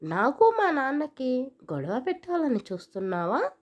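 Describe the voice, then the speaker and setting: A woman's voice: high-pitched, huge pitch swings, unhurried, heavily acted. A woman voicing a bossy young husband. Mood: scolding. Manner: scolding, curt commands. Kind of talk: audio story acting.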